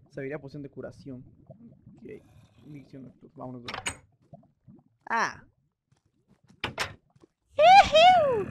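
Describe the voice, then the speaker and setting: A young man with a Mexican accent doing excitable, swear-filled gameplay commentary, reading in-game signs aloud. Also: mid-range voice, noisy background. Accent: Mexican Spanish. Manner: excitable, swears, yells when startled.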